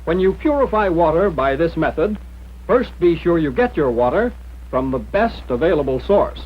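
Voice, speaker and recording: An American man reading scripted instructions in the formal, measured manner of a 1940s military training film narrator. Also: fairly high pitch, sing-song, slightly rough. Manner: mid-century newsreel-style narrator, formal, measured instruction. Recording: dull, lo-fi 1940s film soundtrack.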